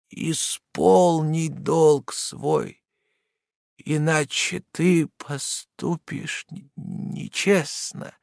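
A man voicing a dying old worker who speaks weakly to his son, halting and breaking off mid-word. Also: mid-range voice, dry recording, clean studio sound, voice pushed up. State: weak, fading breath. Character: dying old male worker, weak and solemn father.

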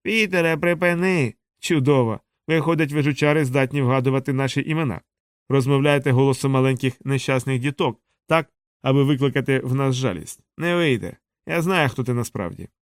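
A man's voice: mid-range voice, a little fast, clear, resonant tone, dry recording, studio quality, lightly acted. A man voicing a cruel, bullying older boy who taunts and threatens his younger brother. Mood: taunting.

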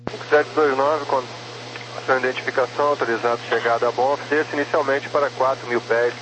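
Fast-talking Brazilian man on crackly radio. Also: medium pitch, steady tone. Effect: aviation radio transmission. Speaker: air traffic controller. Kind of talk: clipped procedural radio instructions. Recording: noisy crackly air-band radio. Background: radio static and hum.

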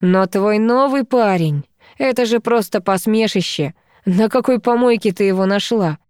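A woman's voice: mid-range voice, normal speed, darkish tone, clean tone, no echo, natural voice. A jealous young ex-boyfriend in an audiobook, hysterical and sneering, as a woman reads his lines. The recording is dry and close, with no room sound. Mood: taunting. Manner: hysterical, mocking. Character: brash jealous young man, the ex.

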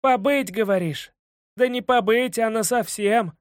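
A man's voice: high voice, unhurried, no room sound, studio quality, voice pushed up. Koshchei, cackling villain sorcerer, voiced by a man. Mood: mocking. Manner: cackling, theatrical, loud and mocking. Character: gleeful trickster sorcerer Koshchei, old male villain. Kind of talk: audiobook character voice.

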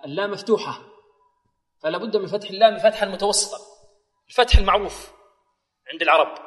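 A man teaching Quran recitation to students, asking them questions and reciting examples slowly and carefully. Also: a little high, a bit bright, in a large hall. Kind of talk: tajweed lesson with slow demonstrations.

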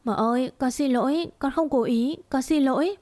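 A woman's voice: moderate pace, close to an everyday voice. A woman voicing a young female servant girl in a storybook reading, anxious one moment and feisty the next. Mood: pleading. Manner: high-pitched pleading and shrill scolding.

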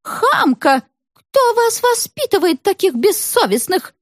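A woman's voice: big pitch swings, slow, no room sound, studio quality, heavily acted. A woman reading a story aloud and voicing a pushy, indignant mother who scolds a girl in a shop. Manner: scolding, shrill and accusing. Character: indignant, pushy middle-aged woman shopper.

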